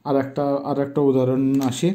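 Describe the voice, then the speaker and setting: A middle-aged man with a warm, mellow voice teaches a language lesson. He speaks patiently at a middling pitch, pausing often and slowly repeating each word for pronunciation. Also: flat delivery. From Bangladesh.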